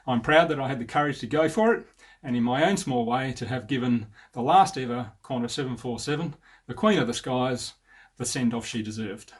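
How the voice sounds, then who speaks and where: Slightly husky and medium in pitch, this fifty-something Australian man speaks sincerely and steadily as he recounts his own story as an air traffic controller.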